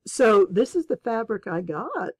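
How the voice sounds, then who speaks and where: A woman's voice: mid-range voice, big pitch swings, a little slow, husky, no echo. Cheerful chatty woman, dry close sound. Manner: enthusiastic, chatty, exclaims over fabrics. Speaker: quilting channel host. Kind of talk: casual unboxing chat.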